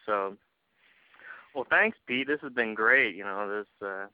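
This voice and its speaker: A podcast host with a fairly low voice speaks a little slowly, chatting casually with his guest and laughing often while retelling the story. The recording is dull and lo-fi, with no room sound.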